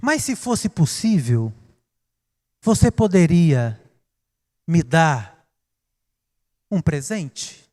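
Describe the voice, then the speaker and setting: A man's voice: fairly high pitch, very animated, very slow, long pauses, warm tone, pitched below the performer's own voice, exaggerated voice. A man voicing a young boy who pleads with his father for a gift, switching between meek and insistent. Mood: meek pleading. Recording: reverberant church hall.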